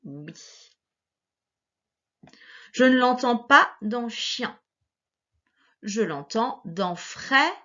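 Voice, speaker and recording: A woman teaching a young child reading sounds, speaking slowly and carefully and stretching out each key word. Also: a little high, expressive, a bit bright, highs cut off. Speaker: primary school teacher. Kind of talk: recorded phonics lesson for a young child.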